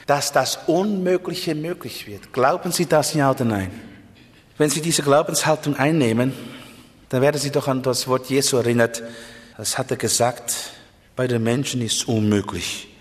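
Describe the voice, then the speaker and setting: A man preaching a sermon with emphatic rhetorical questions and sweeping rises and falls in pitch. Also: long reverb tail.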